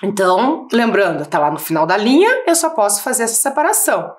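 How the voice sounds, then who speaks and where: A lively Brazilian woman with a mid-range voice and a Brazilian Portuguese accent teaches children in a recorded lesson for schoolchildren. She is patient, uses a rising question-and-answer tone, and slows down to spell out syllables.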